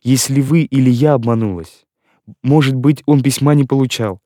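With a warm, medium-pitched voice close to how he normally talks, a man reads an audiobook at a moderate pace. He takes on a heartbroken young girl who pleads and protests through tears in distraught, breathless desperation, and the recording is dry with clean studio sound.

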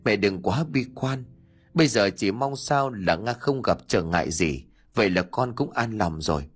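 A man's voice: on the low side, animated, normal speed, husky. A man voicing a naive young husband who speaks in a soothing, choked-up way, in an audio story. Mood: soothing grief.

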